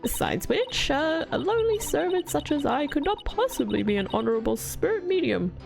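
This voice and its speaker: A woman's voice: high-pitched, big pitch swings, moderate pace, gravelly, music in the background, full character voice. A woman voicing a smug, condescending elderly servant woman, an old hag from a video game, in amateur voice acting. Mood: feigned humility.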